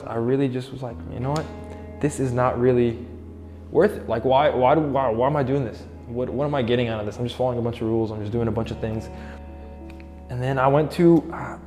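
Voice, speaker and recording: A man in his twenties from Egypt, sharing his faith testimony in an earnest, reflective way. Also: mid-range voice. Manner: earnest and reflective, quotes his own inner thoughts. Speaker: church member sharing testimony. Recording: long reverb with soft guitar music.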